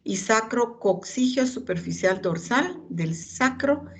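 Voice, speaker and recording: A woman's voice: fairly high pitch, animated, slow pace, a little hiss or hum. A woman lecturing anatomy, pointing out images and calling on students by name.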